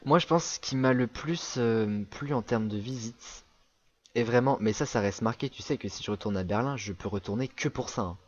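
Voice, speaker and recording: A man's voice: medium pitch, moderate pace, dull audio. Rambling young man telling a story. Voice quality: rambling, many fillers and restarts. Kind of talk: casual storytelling chat.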